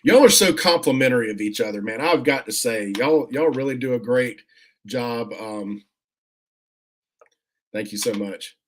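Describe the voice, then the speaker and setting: A man in a casual unboxing chat at a middle pitch. His talk is relaxed and rambling, full of "um" and restarts. He keeps breaking off to thank viewers for their comments. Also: normal speed, pauses often, slight background noise. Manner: friendly, thanks viewers often. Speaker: comic collector vlogger, host.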